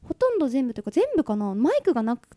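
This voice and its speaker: A woman's voice: sits high, sing-song, racing, dark tone. A young woman co-hosting a radio show, chatting casually and encouragingly, laughing easily. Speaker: radio co-host.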